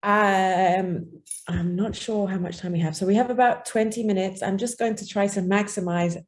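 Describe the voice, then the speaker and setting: A woman hosting an online session over a video call, introducing readers in a hesitant way with many filler pauses. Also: medium pitch, fairly even intonation. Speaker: session host.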